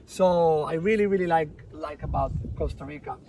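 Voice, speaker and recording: A man's voice: on the high side, normal speed, a little mellow, a little hiss or hum, low-quality recording. A man hosting a podcast interview outdoors, chatty and often repeating words as he searches for phrasing. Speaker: podcast host. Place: outdoors on a property.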